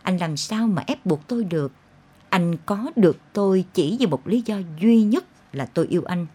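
A woman's voice: fairly low pitch, expressive, normal speed, mellow, husky. A woman narrator voicing a weary young woman who bitterly insists on leaving her lover, in an audiobook. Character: weary young woman ending a bad affair.

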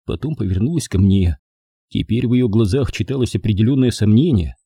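A male narrator reads a first-person crime story with a husky, mellow voice. His delivery is animated, with pitch moving over a wide range. The recording is dry and close. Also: a little fast, dry recording. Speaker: audiobook narrator.

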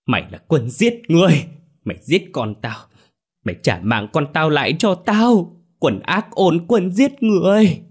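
A man's voice: on the high side, lively intonation, measured pace, breathy edge, pitched above the performer's own voice. A man voicing an older grieving mother who cries out accusations. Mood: furious. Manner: shouting, tearful accusations.

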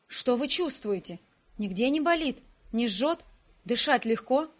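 A woman's voice: on the high side, lively intonation, unhurried. A woman reading a worried noble father. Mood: anxious. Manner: anxious, then loud and formal. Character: worried caring father, a lord and light mage.

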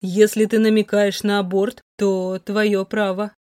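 A woman's voice: medium pitch, level tone, darkish tone, dry recording, clean studio sound, natural voice. Woman reading as a cold, mocking young man. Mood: coldly dismissive. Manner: slow, mocking, icy drawl.

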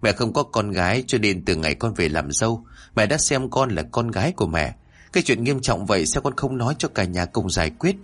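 A man voicing a caring older mother-in-law who gently scolds her daughter-in-law in a horror story. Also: fairly low pitch, sing-song, fairly quick. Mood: reproachful.

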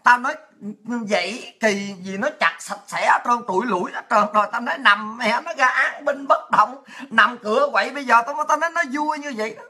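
Woman, mocking ranting host, crude and sarcastic, bright edge to the voice. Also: a little high, normal speed. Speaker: political commentator. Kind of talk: ranting monologue.

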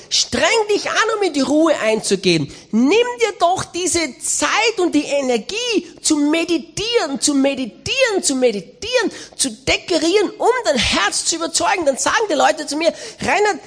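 A woman's voice: high-pitched, very animated, moderate pace, hardly any pauses, a bit bright. A woman speaking a sermon as a voice-over, in an emphatic, exhorting way.

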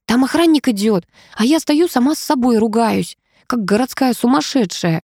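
A woman's voice: fairly high pitch, moderate pace, a little mellow, dry recording, clean studio sound, voice pushed up. A woman voicing a flustered, bossy young woman of about twenty who grumbles in a hissed whisper, in an audiobook reading. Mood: grumbling whisper.

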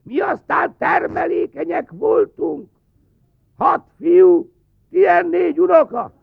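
A man's voice: very high voice, animated, creaky, dry recording, voice pushed up, heavily acted. A man voicing a grumbling old village woman in a cabaret sketch. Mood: boastful. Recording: tinny lo-fi tape recording.

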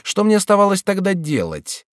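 A man's voice: high voice, huge pitch swings, normal speed, dry recording, studio quality, voice pushed up. A man voicing a sardonic male court jester who teases and scolds a king in an audiobook. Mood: mocking.

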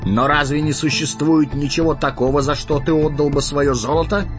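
A man reading an audiobook voices a grave, measured man negotiating calmly. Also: on the high side, muffled recording, over music, pitched above the performer's own voice, lightly acted. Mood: reasoning. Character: calm grave male envoy, negotiating.

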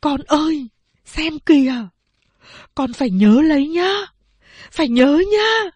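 A woman's voice: sits high, expressive, slow, darkish tone, no echo, voice pushed up. A woman voicing a desperate peasant mother worn down by famine, pleading and wailing in a raised voice. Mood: tender.

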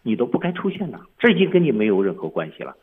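Husky animated man teaching over a phone line. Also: medium pitch, rapid-fire. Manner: explains film lines step by step, lively. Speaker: English teacher. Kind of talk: radio English lesson.

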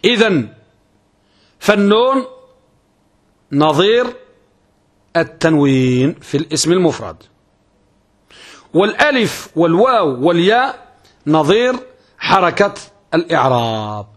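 A man teaches a grammar class in a fairly high voice. He explains step by step, often asking a question and then answering it himself. He repeats key phrases for emphasis. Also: sing-song, unhurried, long pauses. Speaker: Islamic scholar teaching Arabic grammar. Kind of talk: classroom lecture.

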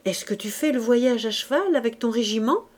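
A woman's voice: a little high, animated. Woman voicing a fussy old spinster aunt. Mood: curious. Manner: exclaiming, raised and drawn-out.

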